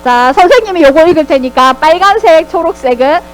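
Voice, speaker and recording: High-voiced woman preaching to children. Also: a little fast, soft background music, low-quality recording. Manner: animated, keeps asking the children questions. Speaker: Sunday school teacher. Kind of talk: children's sermon.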